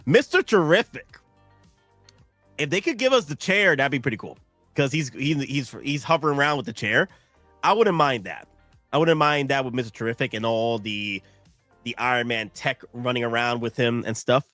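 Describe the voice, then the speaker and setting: On a live stream, a sleep-deprived American man in his thirties with a Southern accent chats loosely and rambles, full of restarts and asides to his audience. He speaks at medium pitch with lively intonation, a moderate pace and a fairly bright tone, no room sound, over soft background music.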